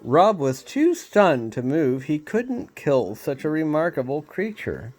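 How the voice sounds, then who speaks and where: Man slowly reading a storybook aloud. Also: fairly high pitch, huge pitch swings, a little mellow. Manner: unhurried reading with small slips and chuckles.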